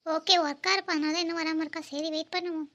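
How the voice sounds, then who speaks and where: An earnest young woman student in love, voiced by a woman for a cartoon. Her voice sits very high and her words come quickly. She talks emotionally and pleads. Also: steady tone, a bit bright, muffled recording. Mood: wistful. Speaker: narrator and lead character. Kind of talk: cartoon voice acting.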